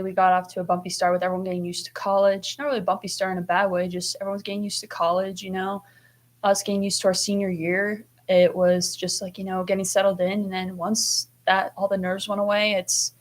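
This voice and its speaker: A woman in her twenties, a senior team captain, answering interview questions in an earnest, upbeat way. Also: on the low side. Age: 20s. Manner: earnest, upbeat, repeats praise for teammates.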